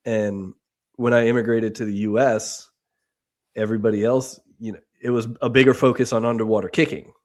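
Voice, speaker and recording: Low-voiced man from the Bahamas. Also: steady tone, fairly quick, darkish tone. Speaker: podcast co-host. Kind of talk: casual sports chat.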